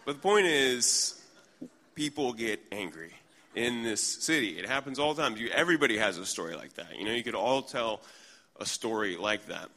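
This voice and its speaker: A man's voice: mid-range voice, expressive, normal speed, sharp tone, long reverb tail. A middle-aged man preaching a sermon in a conversational, humorous way, telling everyday stories. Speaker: pastor. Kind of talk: sermon with storytelling. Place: church in New York.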